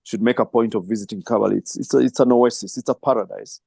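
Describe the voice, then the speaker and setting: Gravelly-voiced man telling his story. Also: lowish voice, steady tone, quick pace, no echo. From Kenya. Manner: reflective storytelling with soft laughs. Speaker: filmmaker and film trainer. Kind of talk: interview answers.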